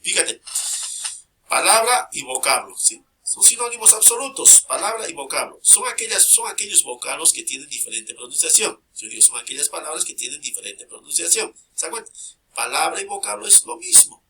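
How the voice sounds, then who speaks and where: A man's voice: fairly high pitch, very animated, brisk, noisy background. A man teaching a grammar lesson, repeating key terms and checking in constantly with short questions to his students.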